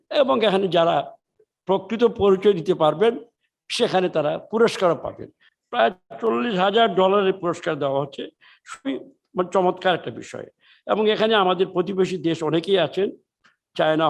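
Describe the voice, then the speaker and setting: Gravelly Bangladeshi man giving a formal speech. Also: high voice. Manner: earnest and emphatic, with rhetorical repetition. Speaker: government official giving a speech.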